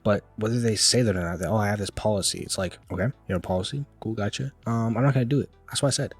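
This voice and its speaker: A young man rants fast about an old job in a casual, streetwise way. His voice sits low and a little husky. He keeps slipping in "like" and "bro". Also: soft background music. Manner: talks fast, peppers speech with "like" and "bro". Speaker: vlogger. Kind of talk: casual storytelling rant.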